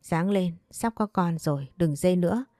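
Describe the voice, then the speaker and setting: A woman's voice: fairly low pitch, normal speed, warm tone, no echo, clean studio sound, soft background music, lightly acted. A woman voicing a bossy mistress of the house. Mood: commanding. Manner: commanding, barking orders.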